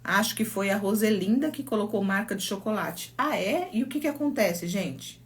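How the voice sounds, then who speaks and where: A woman's voice: medium pitch, expressive, moderate pace. Chatty Brazilian woman live-streaming. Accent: Brazilian Portuguese. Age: middle-aged. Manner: chatty storytelling, reads viewer comments aloud. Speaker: psychologist and live-stream host. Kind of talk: casual live-stream chat.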